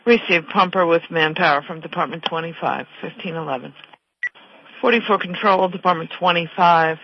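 A man reading formal fire dispatch announcements over two-way radio in measured, clipped, procedural phrases. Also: fairly high pitch, gravelly. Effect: two-way radio transmission. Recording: dull radio channel, faint static.

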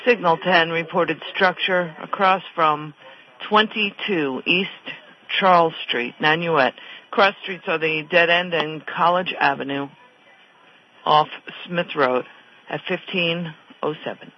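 A man reading formal fire dispatch announcements over two-way radio in measured, clipped, procedural phrases. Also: fairly high pitch. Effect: two-way radio transmission. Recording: dull radio channel, faint static.

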